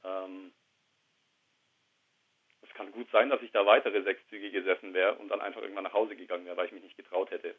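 A man in his thirties, a podcast guest, speaking quietly and reflectively, with hesitant pauses, about his own life. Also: deep voice, level tone, breathy edge. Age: 30s. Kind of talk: candid personal conversation. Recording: tinny phone-line sound.

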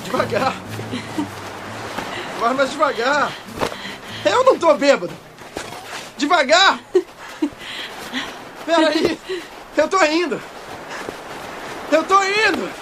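A male dub actor playing a tipsy young man stumbling along, calling out in slurred, drawn-out words. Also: very high-pitched, lively intonation, background noise, full character voice. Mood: tipsy, pleading. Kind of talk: film dub acting. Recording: film soundtrack with music behind.

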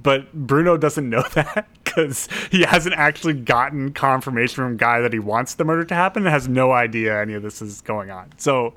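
A man's voice: medium pitch, moderate pace, few pauses, sharp tone. A man in a casual book discussion who explains the plot eagerly and laughs while talking. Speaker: podcast co-host.

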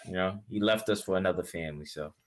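A man co-hosting a podcast in casual sports chat, relaxed and slangy, laughing often. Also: low-pitched, fast. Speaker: podcast co-host.

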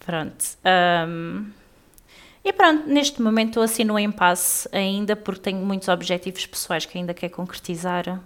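A woman's voice: mid-range voice, normal speed, fairly bright tone. Portuguese woman in her thirties, chatting casually. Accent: European Portuguese. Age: 30s. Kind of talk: casual chat between friends.

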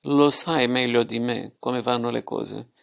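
A man voicing a weary, ironic young man in an audiobook, speaking calmly and indifferently. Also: medium pitch, unhurried, vocal fry.

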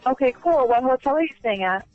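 A woman's voice: high-pitched, animated, fairly quick, soft background music. Curt woman heard over a speakerphone. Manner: curt and dismissive. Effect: heard over a phone on speakerphone. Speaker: escort taking a prank call. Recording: muffled speakerphone line.

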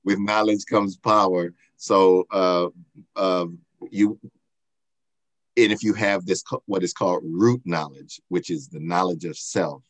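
An older man talking slowly with many fillers, heard over a glitchy video call as an interview guest. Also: deep voice, steady tone, no room sound, poor audio. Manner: slow and halting, with many fillers. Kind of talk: reflective interview talk.

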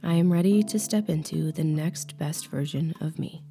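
A woman leading a guided meditation with affirmations in a calm, soothing, unhurried, breathy voice that is close to a whisper, right in the listener's ear. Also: sits low, over music.

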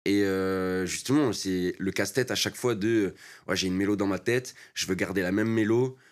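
A man's voice: deep voice, normal speed. A young man in his twenties, a rapper guest, talking casually in street slang with lots of fillers. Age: 20s. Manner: laid-back street slang, many fillers. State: short on sleep. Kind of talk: casual interview chat.

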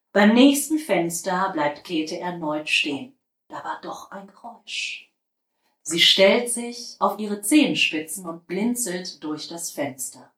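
A woman narrating a children's storybook in a soft, calm, expressive way. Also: fairly low pitch, reverberant, rough recording.

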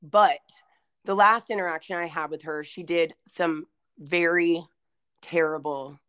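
A woman's voice: on the low side, fairly even intonation, measured pace, a bit bright, clean tone. A woman in her twenties co-hosting a podcast, chatting casually with lots of fillers as she tells stories. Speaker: podcast co-host. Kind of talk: casual chat.

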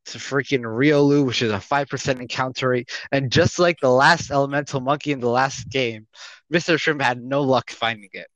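A man's voice: medium pitch, fairly even intonation, a little fast, fairly bright tone, dry recording. Chatty podcast guy, dull call audio. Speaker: podcast co-host. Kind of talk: casual chat about a video game.

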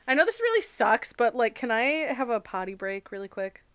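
A woman's voice: on the high side, sing-song, a little fast, clear, resonant tone, no echo. A woman co-hosting a movie podcast, chatting informally with hesitant phrasing. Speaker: podcast co-host. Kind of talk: casual movie podcast chat.

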